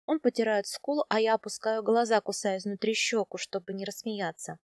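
A woman reads an audiobook in the first person, lively and expressive in her telling. Her voice sits in the middle range, and the recording is dry and close with no room echo. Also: medium pitch, fairly quick. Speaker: audiobook reader.

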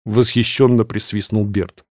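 A man reading a fantasy novel aloud as scripted narration, in a measured, steady way. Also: fairly low pitch, dry recording, clean studio sound. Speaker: audiobook reader.

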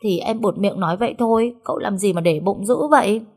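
A woman voicing a cheeky, dramatic young maid girl in a storybook reading, high-pitched and pleading. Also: very animated, a little fast. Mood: whiny pleading.

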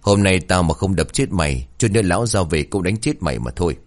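A man's voice: low voice, lively intonation, quick pace. A man voicing a bitter, cruel senior wife who scolds a servant. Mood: scolding.

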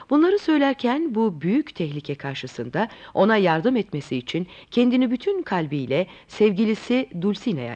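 Animated narrator voice, storybook reading, lo-fi sound. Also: mid-range voice. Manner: lively, inviting storytelling. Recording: dull lo-fi recording.

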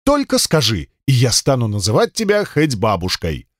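A man's voice: mid-range voice, wildly swooping pitch, moderate pace, no echo, studio quality. Man doing a chatty messenger god. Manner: chatty, wry.

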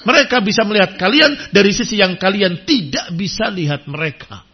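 A man preaching in a religious study lecture, talking emphatically and building to forceful points. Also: high voice, lively intonation, brisk, husky. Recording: dull lo-fi lecture recording.

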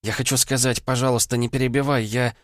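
A man voicing a frightened, pleading seventeen-year-old girl in an audiobook, speaking softly. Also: mid-range voice, flat delivery, fast talker, no echo, clean studio sound, voice pushed up, close to an everyday voice. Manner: soft, pleading voice.

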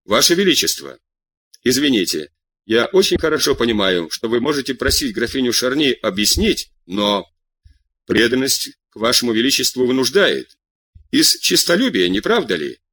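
A man's voice: mid-range voice, very animated, normal speed, a bit bright, husky, no room sound. A man voicing a proud, jealous young count who presses his questions insistently.

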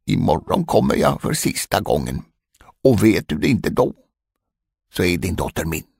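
A man's voice: deep voice, sing-song, gravelly, darkish tone, breathy edge, no echo, studio quality, full character voice. A man reading a storybook, voicing a spiteful, greedy little male dwarf who crows and shrieks his taunts. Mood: gleeful.

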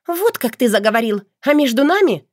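A woman's voice: sits high, big pitch swings, a little fast, no echo, clean studio sound. A woman voicing a pleading, clingy woman in an audiobook, speaking in a plaintive, wheedling way. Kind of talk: audiobook character voice.

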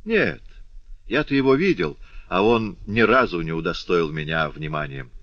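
A man's voice: low-pitched, expressive, normal speed, no echo, muffled recording. A man voicing a glib, self-assured young lancer officer. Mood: breezy. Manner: jaunty, glib, worldly-wise.

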